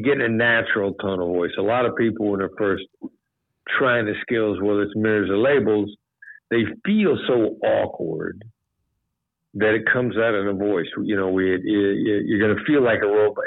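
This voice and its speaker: A man's voice: on the low side, moderate pace, dry recording. A man, a former hostage negotiator, telling stories and giving advice in a casual podcast chat, with lots of "you know". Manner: relaxed, repeats "you know", animated when quoting others. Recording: tinny phone-like line, dry.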